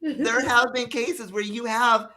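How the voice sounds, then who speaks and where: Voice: medium pitch, slow pace, pushed and bright, rough recording. A podcast co-host chatting casually, laughing along and passing on comments from the chat. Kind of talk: casual discussion.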